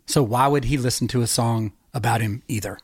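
A man's voice: medium pitch, a little fast, breathy edge, no room sound, clean studio sound. Laid-back rambling man on a podcast. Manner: rambling, laughs often. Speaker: podcast co-host. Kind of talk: casual chat.

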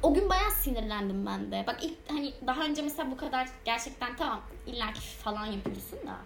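A woman's voice: fairly high pitch, quick pace, vocal fry. A young adult woman telling frank stories in casual chat, often breaking into laughter. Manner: animated, laughing storyteller. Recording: echoey room with crowd noise.

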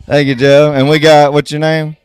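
A man hosting a podcast, asking people casual questions in a lively, laughing way. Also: fairly high pitch, normal speed, clear, resonant tone. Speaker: podcast host. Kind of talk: casual street interviews.

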